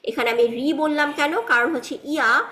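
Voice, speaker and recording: A woman's voice: high voice, normal speed, sharp tone. A woman teaching an Arabic grammar class online, explaining step by step, asking students questions and mixing in English words. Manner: mixes English words into her talk; frequent tag questions and fillers.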